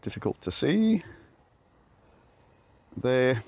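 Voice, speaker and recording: A man's voice: medium pitch, sing-song, drawn-out words, gravelly, a little mellow, breathy edge, no echo. A middle-aged Australian beekeeper talking casually to camera in an outdoor garden, muttering self-deprecating asides as he works. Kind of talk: casual hands-on talk to camera. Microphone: camera on tripod.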